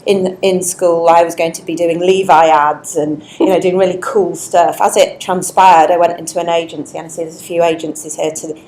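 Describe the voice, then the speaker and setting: This Leeds-born chief executive recounts her career in a chatty, self-deprecating on-stage interview at an indoor networking event, speaking into a wireless microphone. She talks briskly with few pauses, her voice on the low side, darkish and fairly even. Audio is poor.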